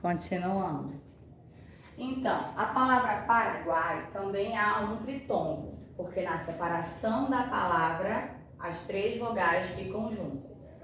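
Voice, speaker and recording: A woman's voice: medium pitch, unhurried, fairly bright tone. A woman teaching a grammar lesson, explaining patiently and often checking that her students follow. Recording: echoey room, far from mic, faint noise.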